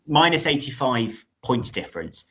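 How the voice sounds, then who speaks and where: A young man co-hosting a casual sports podcast, animated and dramatic, mocking himself. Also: medium pitch, moderate pace, a little hiss or hum. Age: young adult. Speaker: podcast co-host.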